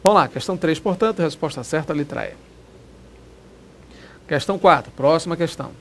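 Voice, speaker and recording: A man teaching a recorded grammar lesson for exam prep, lively, and always asking the viewer questions. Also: on the high side, brisk, a little hiss or hum.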